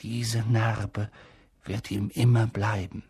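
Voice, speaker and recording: A wise, elderly wizard who speaks in a measured, gentle and unhurried way, as a narrator puts him on. The voice is gravelly and husky, and it is recorded dry and close. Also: male voice, lowish voice, flat delivery, no echo, exaggerated voice. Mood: calm. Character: wise calm elderly male wizard headmaster. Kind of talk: audiobook character voice.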